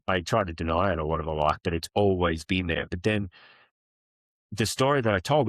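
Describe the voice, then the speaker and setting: A man's voice: deep voice, no echo. A man, a guest on a podcast, telling a story in casual chat and acting out the people in it. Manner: animated storyteller who acts out dialogue.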